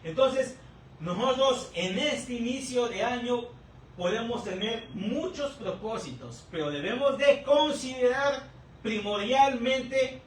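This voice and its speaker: A male pastor preaching a teaching sermon, who keeps checking in with the congregation and repeats key words slowly. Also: extremely high pitch. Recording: echoey room, distant mic, faint noise.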